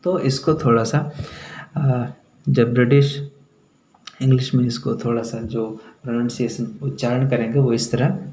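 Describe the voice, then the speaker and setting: A man teaching English pronunciation, speaking slowly and repeating each sound, often checking in with the viewer. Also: medium pitch, fairly even intonation, mellow, slight background noise. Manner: slow, repeats sounds several times for the viewer. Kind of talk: pronunciation lesson. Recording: echoey room.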